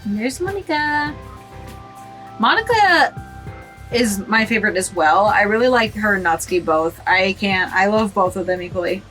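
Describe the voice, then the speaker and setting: A woman's voice: mid-range voice, a little fast, hardly any pauses, fairly bright tone, soft background music. A young woman gushing and giggling through casual game commentary, teary-eyed. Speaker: gaming video creator. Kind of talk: casual let's play commentary.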